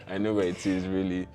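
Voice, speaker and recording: A man's voice: low-pitched, a little mellow. A young Nigerian man with a Nigerian accent, a startup founder relaxedly telling his life story in an interview, with slangy asides and easy laughs.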